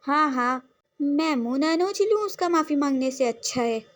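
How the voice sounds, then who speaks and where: A woman's voice: high voice, expressive, moderate pace. A woman voicing a jealous, hotheaded young man in love, reading his lines in a storybook role reading with brooding retorts. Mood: sullen.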